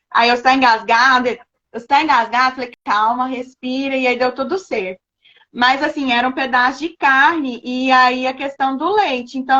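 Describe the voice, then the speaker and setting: A woman's voice: high-pitched, fairly bright tone, muffled recording. A woman with a Brazilian Portuguese accent hosting a live stream, chatting and telling anecdotes with quoted dialogue. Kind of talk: casual chat.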